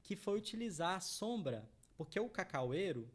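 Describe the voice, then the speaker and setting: A man's voice: high voice, very animated, moderate pace, slightly rough. A middle-aged man from Minas Gerais, a chocolate brand founder, explaining his business in an interview with earnest repeated checks of "right?". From Minas Gerais, Brazil. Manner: earnest, repeats "né?" often, addresses audience.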